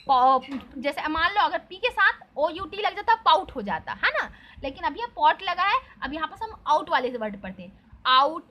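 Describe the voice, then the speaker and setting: A woman's voice: sits high, big pitch swings, muffled recording, a little hiss or hum. A woman teaching an English lesson in Hindi, spelling out each word letter by letter and asking her students questions that she then answers herself. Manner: spells words out letter by letter, slow and patient.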